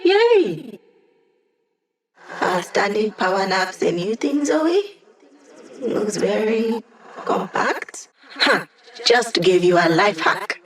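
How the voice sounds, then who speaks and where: A woman's voice: medium pitch, very animated, takes it slowly, pauses often. A woman playing a quirky, upbeat young female AI hacker in a video game, with a playful, wry, conversational delivery. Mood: playful, teasing. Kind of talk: scripted video game character dialogue.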